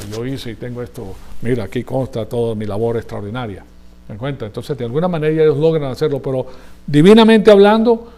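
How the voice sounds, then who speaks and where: A man preaches in Spanish in a chatty, teaching manner, often turning to his listeners to check they follow. His voice is mellow and soft-edged and sits slightly high for a man. His delivery comes across as that of a church sermon to a gathered congregation. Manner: conversational, asks the audience for agreement.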